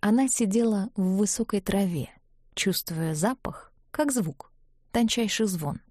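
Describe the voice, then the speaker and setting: A woman reading an audiobook in a calm, measured narration. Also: medium pitch, no room sound, studio quality.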